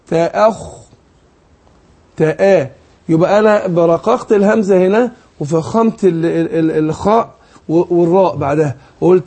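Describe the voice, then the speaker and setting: Man, Egyptian accent, tajweed teacher, high but dark voice, patient questioning, slow demonstrations. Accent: Egyptian Arabic. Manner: explains patiently, asks leading questions, demonstrates slow recitation. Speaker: Quran recitation teacher. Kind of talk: tajweed lesson.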